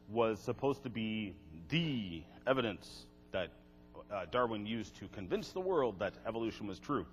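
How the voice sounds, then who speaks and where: An older man giving a lecture to a live audience, with wry, sarcastic asides. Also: mid-range voice. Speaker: creationist seminar speaker. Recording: echoey hall, faint music.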